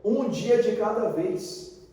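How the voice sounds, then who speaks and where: A man's voice: high-pitched, slow pace. A man preaching a sermon as a pastor, telling a story vividly and acting out the dialogue. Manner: lively storyteller who acts out the dialogue. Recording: echoey hall, voice from far off.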